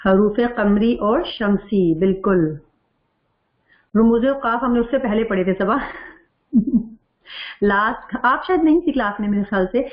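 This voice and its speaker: A Quran recitation teacher reviews the last lesson in an echoey online class, patiently asking questions and reading out students' answers. Her mid-range voice is animated and she pauses often. The recording is muffled.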